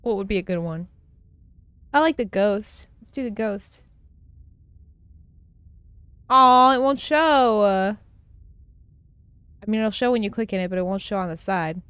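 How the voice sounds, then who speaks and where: A woman's voice: mid-range voice, fairly quick, a little mellow, no echo. A young woman streaming from home and chatting casually on a close desk mic, rambling with lots of fillers and frequent laughs. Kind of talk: casual chat while gaming.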